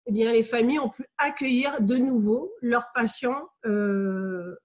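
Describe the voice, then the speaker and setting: A woman's voice: fairly high pitch, a little slow. A middle-aged woman, a carer in palliative care, speaking over a video call, with frequent hesitations. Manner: hesitant, many fillers. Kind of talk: panel testimony. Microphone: laptop webcam on a video call.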